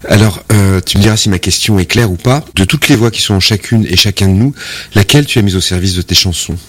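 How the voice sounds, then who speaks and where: A male radio host in a studio interview, asking his guest questions in a measured, courteous way. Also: lowish voice.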